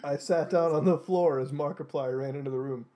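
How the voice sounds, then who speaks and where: A man's voice: a little high, a little fast, mellow. A young man giving a comedic dramatic reading of a silly fan story, often swearing and breaking into laughter.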